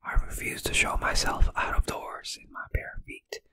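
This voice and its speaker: Reader as storybook centipede: male, brash, fussy complainer, forceful breathy whisper. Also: normal speed, lightly acted. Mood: grumbling, brash.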